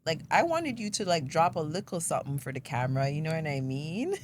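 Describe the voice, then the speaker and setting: Playful woman host, lively low voice. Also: fairly quick. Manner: playful, laughing, asks questions. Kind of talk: casual interview. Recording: faint background noise.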